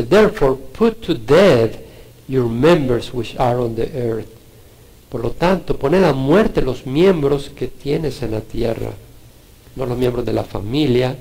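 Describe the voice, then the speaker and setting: A man's voice: mid-range voice, gravelly, a little mellow, rough recording. A man preaching a sermon, teaching earnestly and reading verses aloud with emphasis.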